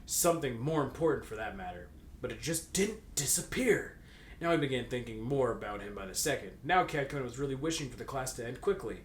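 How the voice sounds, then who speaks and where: Reading fan fiction aloud for laughs, a man adds commentary and joking banter in an over-the-top dramatic style. His mid-range voice moves fairly quickly with lively intonation, and the recording has echo and faint background noise.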